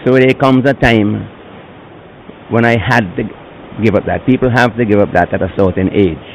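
An older man, a retired diver running a sanctuary, answering interview questions in an unhurried storytelling way. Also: fairly low pitch, a little hiss or hum, rough recording. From Bequia, Saint Vincent and the Grenadines. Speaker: turtle sanctuary keeper, interviewee.

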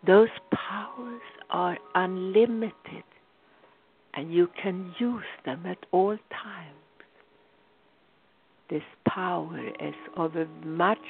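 A woman leading a guided meditation in a soothing voice that drifts into whispers. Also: lowish voice. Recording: tinny phone-like sound.

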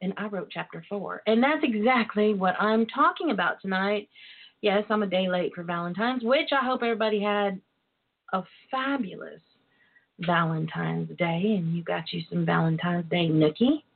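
A woman's voice: medium pitch, normal speed, creaky. A woman presents a casual radio show with a flirty, coquettish delivery. She stretches out key words as she chats to listeners. The sound is thin and narrow, like a telephone line. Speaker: radio talk show host. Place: internet call-in radio show over a phone line.

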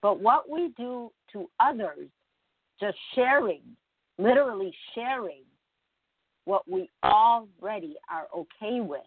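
A woman's voice: fairly high pitch, very animated, takes it slowly, vocal fry, breathy edge, dry recording, phone-quality sound. A woman hosting a morning show, talking conversationally and emphatically straight to her listeners in a reflective spiritual monologue.

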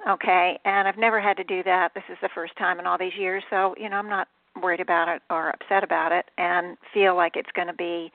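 A woman's voice: lowish voice, creaky, no room sound. A woman radio host talking over the phone in a chatty, rambling way, often correcting herself. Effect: calling in over the phone. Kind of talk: casual spoken monologue. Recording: tinny dry phone line.

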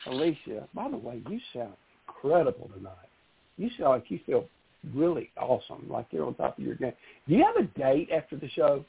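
A man calling in to a radio show over a phone line, chatting casually in an animated, rambling way. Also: on the high side, vocal fry, husky. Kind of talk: casual on-air chat.

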